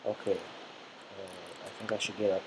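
Teen boy, home gamer, nervous running commentary, slightly low voice, hissy home recording. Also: measured pace. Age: teens. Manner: nervous, jittery self-talk while playing. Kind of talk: let's play commentary. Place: room in a family home. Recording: steady background hiss.

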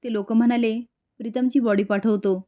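A woman's voice: fairly high pitch, fairly even intonation, normal speed, mellow, lightly acted. A woman voicing a frightened, tearful young wife who pleads fearfully.

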